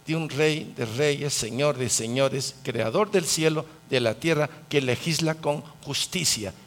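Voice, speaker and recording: A man's voice: medium pitch, measured pace. A man teaching the Bible in a conversational way, putting questions to the audience. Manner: asks the audience questions, lively.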